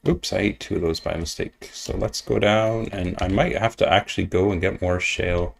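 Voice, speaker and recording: There's a faint hiss or hum behind this man's low, steady voice, which carries vocal fry at a moderate pace. Playing a game on his computer for a stream, he chats and rambles, poking fun at himself and muttering to the side.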